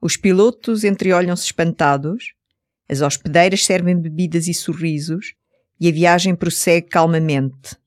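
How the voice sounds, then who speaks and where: A woman with a European Portuguese accent narrating short scripted lesson stories in a measured, careful way. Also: on the low side, fairly even intonation, no echo, clean studio sound. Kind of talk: scripted story narration for language course.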